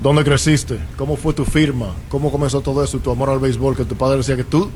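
A man's voice: medium pitch, flat delivery, quick pace, a little mellow, a little hiss or hum. A man interviewing a ballplayer for a baseball broadcast, asking polished, formal questions.

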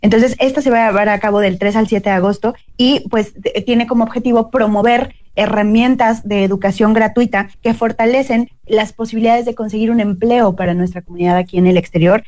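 A woman's voice: mid-range voice, fairly even intonation, a little fast, few pauses, darkish tone. A Mexican woman with a Mexican Spanish accent, a consul explaining services as an interview guest.

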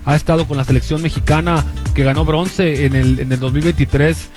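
A man's voice: fairly high pitch, steady tone, fairly quick, over music. A man hosting a sports radio show, interviewing a guest in a friendly, bantering way. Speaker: radio host.

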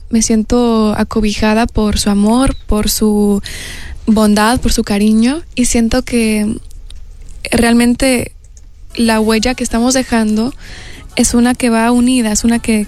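On a radio show, a young American woman who is a singer gives an interview in Spanish, her voice a little high. She speaks softly and thoughtfully, often restarting her sentences, with a Latin American accent that mixes several regions and is hard to pin down.

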